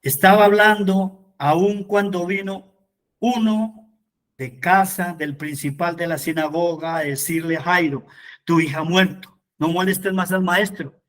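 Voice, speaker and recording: A man leads a Bible study as its preacher. His voice sits high for a man. He moves between reading scripture aloud and fervent appeals to the people listening. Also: fairly even intonation, unhurried, fairly bright tone.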